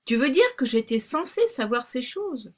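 A woman's voice: high-pitched, big pitch swings, normal speed, distant mic, voice pushed up. A woman voicing a bewildered teenage girl in a storybook, talking in an astonished, questioning way. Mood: puzzled.

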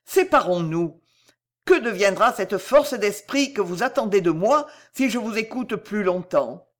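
A woman's voice: medium pitch, expressive, unhurried, lightly acted. A woman reading as an earnest, virtuous young woman. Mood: tearful. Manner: earnest and restrained, then brooding. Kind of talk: audiobook reading.

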